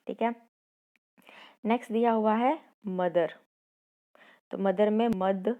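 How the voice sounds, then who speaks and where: A woman's voice: medium pitch, a little mellow. A woman teaching schoolchildren a lesson, patient, often stopping to check that they follow. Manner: patient, repeats "theek hai" to check understanding. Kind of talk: classroom lesson explaining a poem and syllables.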